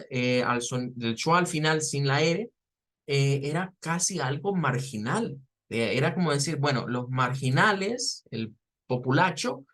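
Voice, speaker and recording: A man teaching an online English class, explaining patiently and repeating words slowly to model their pronunciation. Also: medium pitch, a bit bright.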